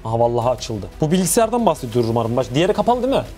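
A man's voice: mid-range voice, sing-song, racing, warm tone, soft background music. A man filming a horror vlog in an empty building, taunting and scared in turns, swearing often. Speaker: vlogger host.

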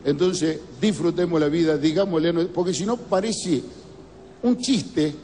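A man with a Cordobés Argentine accent doing a folksy comic monologue, telling stories slowly. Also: a little high, roomy sound, a little hiss or hum. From Córdoba, Argentina. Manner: folksy, storytelling, slow and relaxed. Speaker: stand-up comedian.

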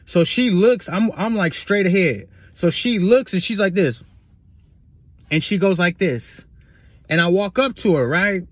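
A man's voice: high-pitched, unhurried, dry recording. A man vlogging a casual, emphatic story with preachy asides to his viewers.

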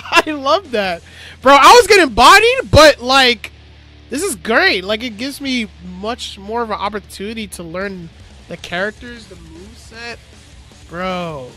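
Excitable young man shouting over a fighting game. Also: high voice, a little slow, faint music behind. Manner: talks himself calm with repeated okays. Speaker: gaming streamer. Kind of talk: live gameplay commentary.

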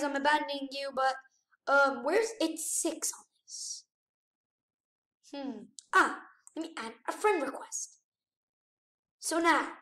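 Excitable high-voiced woman gaming commentator. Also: roomy sound, distant mic. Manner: excitable, gasping, rapid repeated exclamations. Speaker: gaming channel host. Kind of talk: let's-play commentary.

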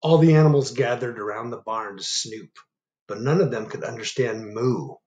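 A middle-aged man reading a picture book aloud to children at home on a webcam, animated and asking them questions. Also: medium pitch, normal speed, reverberant, highs cut off. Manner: animated, asks the young audience questions. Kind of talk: children's storytime read-aloud. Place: home living room. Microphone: webcam at desk.

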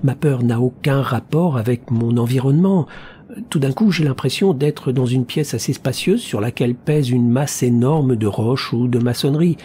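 A man reading an audiobook, voicing a troubled young woman who describes her visions in a soft, submissive, wide-eyed way, slightly higher than his own voice. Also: normal speed, a little hiss or hum, lightly acted. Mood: dreamy unease.

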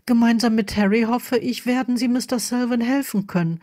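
A commanding older headmistress, as a woman reader puts her on, formal and urgent. Her voice sits noticeably higher than the narration. She speaks as a figure in a read-aloud story. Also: fairly even intonation, a little fast, a little mellow, natural voice. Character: stern but kind older female headmistress.

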